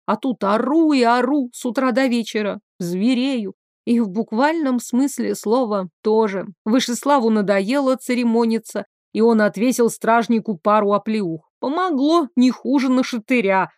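A woman reads a first-person audiobook with a sardonic, wry edge. Her voice sits a little high. The recording is dry and close. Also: moderate pace, darkish tone, dry recording. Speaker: audiobook narrator.

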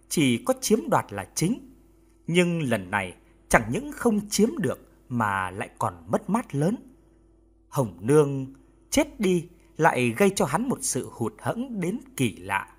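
Husky male audiobook narrator, expressive, lively pitch. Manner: expressive storytelling.

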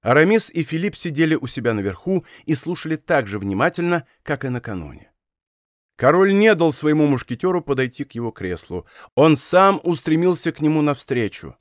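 A man's voice: a little high, sing-song, a little fast, no echo. A man narrating a historical novel in a studio audiobook, reading expressively and theatrically. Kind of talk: scripted narration. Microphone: studio mic.

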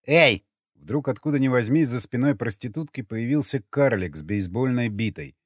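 A man narrating an audiobook in an expressive reading. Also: mid-range voice, a little fast, dry recording, clean studio sound. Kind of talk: scripted narration.

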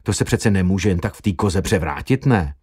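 A man voicing a curious, teasing young man, speaking a little lower and slower in a wry way. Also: expressive, a little mellow, slightly rough, dry recording, clean studio sound.

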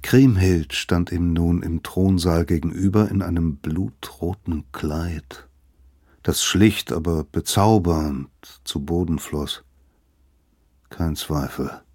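A man reading an audiobook in a dramatic, sometimes hushed tone. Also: rumbling low, husky, dry recording, clean studio sound. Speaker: narrator. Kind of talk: audiobook narration.

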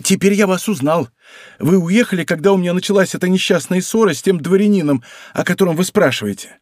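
A man's voice: sits high, fast, a little mellow, no room sound, clean studio sound, pitched above the performer's own voice. Man playing a whining, frightened innkeeper. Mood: anxious. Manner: whining, servile. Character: pleading frightened male innkeeper, sly.

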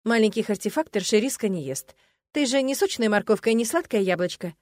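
A woman voicing a calm, teasing young male necromancer in an audiobook. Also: on the high side, fairly quick, natural voice. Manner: unflappable, teasing. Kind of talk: audiobook character voice.

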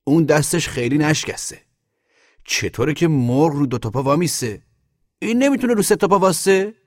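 A man voicing a rough, bossy street sweeper who talks in coarse everyday slang. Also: a little high, lively intonation, no room sound, clean studio sound, pitched above the performer's own voice. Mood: insistent. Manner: coarse colloquial, insistent.

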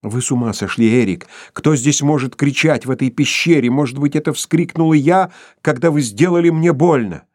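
A man's voice: fairly high pitch, normal speed, hardly any pauses, darkish tone, dry recording, clean studio sound, voice pushed up, natural voice. A man voicing a frightened young woman held captive, pleading in a trembling voice. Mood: desperate denial.

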